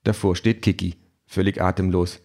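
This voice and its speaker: A man's voice: sits low, flat delivery, moderate pace, darkish tone. A man narrating an audiobook with a dry, ironic delivery.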